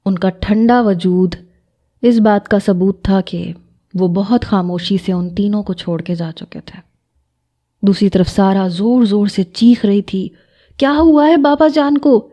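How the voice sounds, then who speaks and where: A woman narrating an emotional story in a soft, measured, sorrowful way. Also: medium pitch, fairly even intonation.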